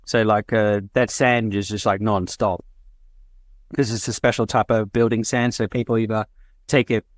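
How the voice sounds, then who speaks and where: A man's voice: fairly low pitch, flat delivery, moderate pace, no echo, studio quality. A man co-hosting a podcast, chatting casually and rambling with lots of fillers. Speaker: podcast co-host. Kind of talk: casual chat.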